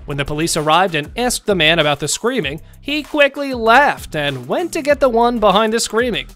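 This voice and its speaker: A narrator reading a scripted countdown video in a lively, sing-song way. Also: mid-range voice, moderate pace, faint music behind.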